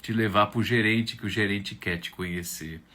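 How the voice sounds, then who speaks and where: A man voicing an eager male office superintendent who talks in an earnest, hurried way. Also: fairly low pitch, steady tone, bright, forceful tone. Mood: urgent.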